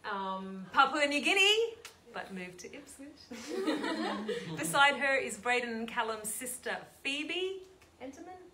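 Giggly high-voiced Australian woman hosting. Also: bright, forceful tone. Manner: chatty, giggly, introduces people informally. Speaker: sing-along host. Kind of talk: casual chat between hymns. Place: room with a piano and a small group. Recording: echoey room with music.

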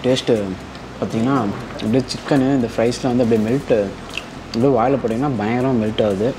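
A man's voice: mid-range voice, steady tone, racing, noisy background. A man reviewing food for viewers in a casual, enthusiastic way, talking while chewing a mouthful. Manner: chatty, enthusiastic, addresses viewers directly. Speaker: food vlogger.

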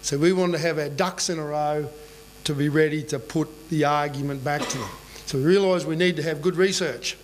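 A middle-aged Australian man gives a conference presentation plainly and conversationally, often checking in with the room through a boom mic on a lectern stand. His voice is a little high, fairly quick and fairly even in intonation, on a low-quality recording with slight background noise.

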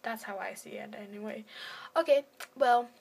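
With a gravelly, mid-range voice at a moderate pace, a teenage girl talks into her phone camera for her very first vlog. She rambles, makes fun of herself and frequently drops to a half-whisper, while the background is noisy.

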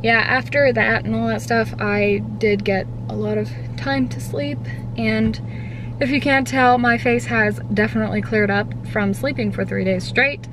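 A woman in her twenties, a little puffy-cheeked after wisdom teeth removal, chatting casually to camera in a halting, filler-heavy way that often trails off. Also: fairly high pitch, fairly even intonation. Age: 20s. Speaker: vlogger. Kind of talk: casual rambling vlog to camera. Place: inside a parked car. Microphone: camera or phone at arm's length on the dashboard. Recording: car interior with clear background hum.

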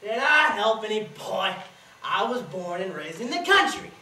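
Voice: mid-range voice, big pitch swings, moderate pace, noisy background. A student performer playing a boastful, sly old country grandfather who lectures with a cackling folksy drawl, on a school stage. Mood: boisterous. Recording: distant echoey auditorium recording.

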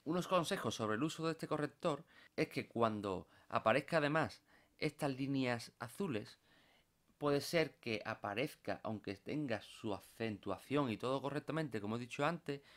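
Patient man teaching software. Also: medium pitch. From Spain. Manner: patient, explanatory, tags phrases with "¿vale?". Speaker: computer course instructor. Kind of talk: screen-recorded software tutorial.

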